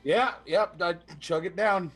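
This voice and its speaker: A man's voice: high-pitched, unhurried, a bit bright, soft background music. A man playing in a tabletop game, chatting and joking with the group. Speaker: player. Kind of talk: casual tabletop play.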